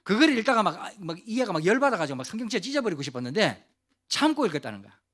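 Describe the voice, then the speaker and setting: A male pastor giving a youth sermon, telling a story in an animated, casual way and asking the listeners questions directly. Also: high-pitched, racing. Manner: asks the audience questions directly.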